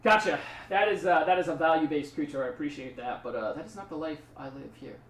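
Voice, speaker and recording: A man's voice: on the high side, quick pace, a bit bright, roomy sound, recorded from a distance, a little hiss or hum. A man streaming a card game, talking through his plays in a rambling, chatty way and thanking subscribers. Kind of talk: casual live-stream commentary.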